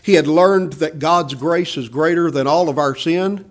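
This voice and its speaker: A man with a high, light voice delivers a sermon. He swings between emphatic, rising lines and quiet, low asides as he explains a passage to his listeners. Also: unhurried. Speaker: preacher.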